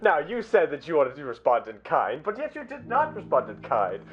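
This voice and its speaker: A man's voice: fairly high pitch, wildly swooping pitch, fairly quick, highs cut off. A man voicing a small, sweetly coaxing actress in a tabletop game, theatrically polite and primly pedantic. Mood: pedantic, indignant. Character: small, sweetly coaxing, indignant actress and self-styled damsel, woman. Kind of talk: in-character tabletop role-play.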